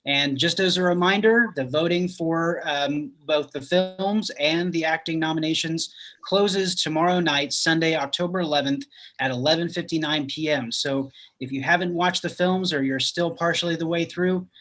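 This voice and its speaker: Man, festival host, bright tone, slightly high voice, upbeat, video call. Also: normal speed, poor audio. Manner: upbeat, welcoming, with fillers. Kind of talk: live online roundtable moderation.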